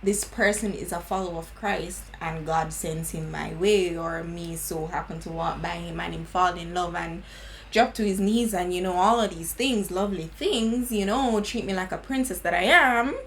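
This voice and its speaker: A woman's voice: on the low side, moderate pace, a bit bright, low-quality recording. Jamaican girl in her 20s chatting about dating, earnest, slides into patois, bit of background hiss. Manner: earnest, laughing, slips into patois. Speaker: beauty vlogger. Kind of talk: casual chat.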